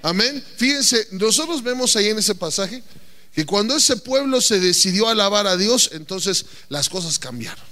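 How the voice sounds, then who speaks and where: A man's voice: high voice, expressive, moderate pace, sharp tone. A man preaching a playful, theatrical sermon and often throwing questions at the congregation. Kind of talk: lively sermon.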